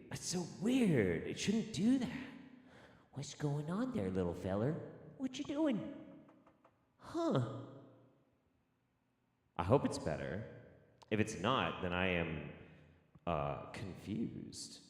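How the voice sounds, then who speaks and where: A man's voice: lowish voice, huge pitch swings, slow pace, pauses often. Man on a cave-echo mic. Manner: rambling, swearing, laughing at himself. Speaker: host. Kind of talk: casual online show chat. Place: home studio. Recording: echoey mic with long reverb.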